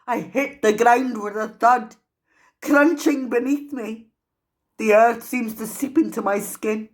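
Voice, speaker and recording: Performing a dramatic, emotive solo stage monologue, a Scottish woman with a slightly high voice plays a traumatised young woman raised in an orphanage. She pauses deliberately, and her delivery sounds terrified and anguished.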